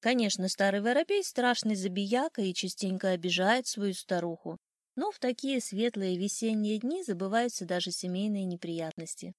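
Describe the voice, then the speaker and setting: A woman narrating a classic children's story in an expressive, lilting reading. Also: mid-range voice, normal speed, no echo, clean studio sound.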